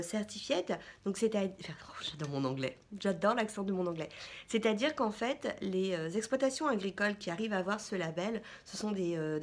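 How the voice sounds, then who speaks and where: A woman vlogger chatting casually through a shopping haul, rambling with many fillers and restarts. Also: mid-range voice. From France.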